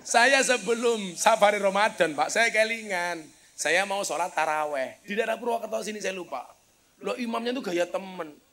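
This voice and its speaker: A man's voice: sits high, normal speed, pushed and bright, a little hiss or hum. A man preaching a humorous sermon, telling stories and breaking into chanted Arabic recitation.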